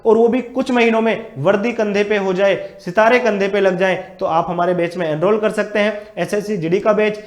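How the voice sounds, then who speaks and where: A male coaching teacher with a notably high voice explains exam strategy with lots of energy and repetition. He keeps calling his viewers brothers and friends, and the room around him rings with echo. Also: fairly even intonation, normal speed, hardly any pauses. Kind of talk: exam strategy lesson with batch promotion.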